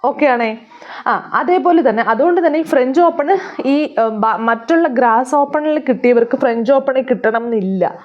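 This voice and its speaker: A woman's voice: sits high, normal speed, highs cut off. A woman teaching an exam-prep lesson, asking questions and answering them herself while repeating key names. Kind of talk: casual explanatory lesson.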